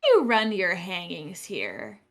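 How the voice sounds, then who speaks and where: A woman's voice: on the low side, wildly swooping pitch, slow. A woman chatting casually and playfully as a player in a tabletop game, with a theatrical streak. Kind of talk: casual game table chat with in-character speech.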